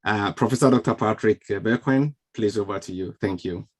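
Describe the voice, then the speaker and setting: A man's voice: on the low side, moderate pace. Man hosting an online event. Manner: welcoming, with frequent fillers. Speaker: webinar host. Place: home or office on a video call. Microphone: video call microphone.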